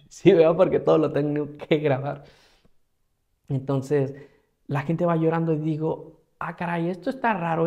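A man from Mexico with a Mexican Spanish accent, casually telling a story as a travel vlogger, slangy and animated, acting out his own reactions. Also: on the high side, gravelly, dull audio.

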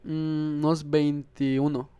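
This young Mexican musician's voice is on the high side, dark and smooth, delivered slowly and flatly through dull audio. He chats easygoingly with hesitant fillers on a podcast, using a handheld mic from a couch in a small room.

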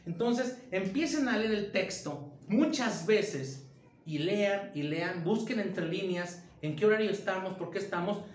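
A man's voice: sits high, lively intonation, measured pace, reverberant. Emphatic man teaching acting. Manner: emphatic, asks many rhetorical questions. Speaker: theater director and acting teacher. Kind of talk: informal acting lesson.

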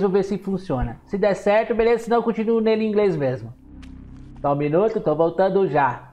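Excitable Brazilian man playing a horror game. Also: high voice, a little hiss or hum, low-quality recording. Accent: Brazilian Portuguese. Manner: excitable, exclaims and talks back to game characters. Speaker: gameplay streamer.

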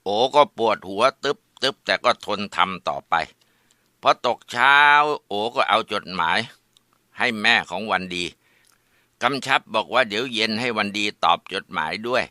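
A man narrating a folk tale in a plain, steady storytelling manner. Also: fairly low pitch, moderate pace, dry recording, studio quality.

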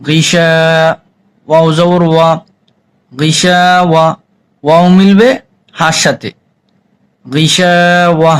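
A man teaching Quran reading, spelling out each letter and vowel slowly before chanting the joined words. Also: fairly high pitch, steady tone, smooth, rough recording. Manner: slow, drawn-out syllable-by-syllable spelling and chanted recitation. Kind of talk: spelling-out recitation lesson.

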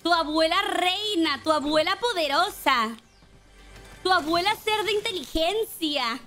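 A woman's voice: extremely high pitch, lively intonation, measured pace, sharp tone, soft background music. A young woman with a Mexican accent, streaming a game and chatting casually, swearing and singing along now and then. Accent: Mexican Spanish.

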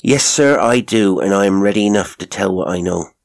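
A man's voice: lowish voice, fairly quick, vocal fry. A man voicing a gaunt servant woman in an audiobook, deferential and plain-spoken, with rustic turns of phrase. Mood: earnest, knowing. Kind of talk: audiobook character acting.

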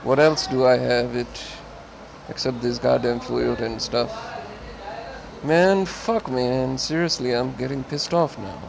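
A man's voice: mid-range voice, fairly even intonation, slow pace, creaky, noisy background. A man reading a text adventure aloud while playing, swearing in frustration and speaking in broken grammar. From Pakistan. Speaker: gamer and channel host.

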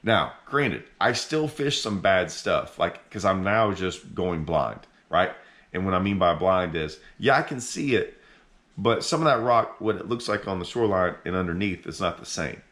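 A middle-aged man hosting a fishing channel, talking casually to camera from his living room couch, animated and full of restarts as he thinks aloud. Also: low voice, moderate pace. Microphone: camera in front at sitting distance.

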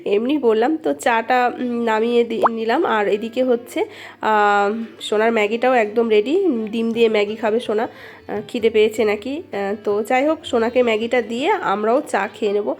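A woman's voice: a little high, normal speed, a little mellow. A young woman, a chatty family vlogger talking to viewers as friends at home. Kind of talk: casual chat to viewers. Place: home, kitchen and bedroom. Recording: echoey room with background music.

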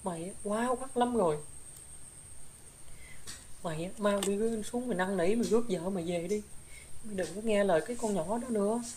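A woman's voice: mid-range voice, fairly quick, pauses often, dark tone, close to an everyday voice. A woman with a Southern Vietnamese accent voicing the ghost of a young woman, a gossip who now regrets her deeds, rambling through her story with filler particles. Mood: rueful telling. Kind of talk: spirit possession drama.

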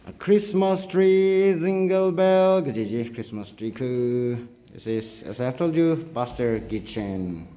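A man's voice: mid-range voice, lively intonation, takes it slowly, few pauses, warm tone, muffled recording, slight background noise. Man chatting through a walking tour. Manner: chatty, pointing things out to viewers. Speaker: vlogger giving a walking tour. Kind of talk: casual walking tour narration. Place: outdoors on a hillside village and indoors.

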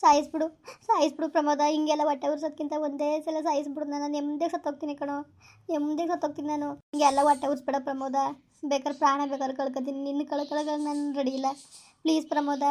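A woman's voice: high voice, flat delivery, racing, a little mellow, natural voice. A woman playing a heartbroken young woman who pleads tearfully with her lover in a village skit, on a dull lo-fi recording. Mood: pleading. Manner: pleading, tearful, repeats please.

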